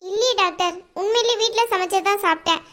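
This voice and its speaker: A weary young daughter-in-law in a cartoon, voiced by a woman, meek and soft-spoken. The voice is very high and bright. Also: fast. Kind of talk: cartoon voice acting.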